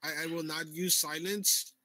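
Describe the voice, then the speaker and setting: A man's voice: a little high, fairly even intonation, normal speed, sharp tone, slight background noise. A man playing a tabletop game over voice chat, speaking hesitantly and often stammering. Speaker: player.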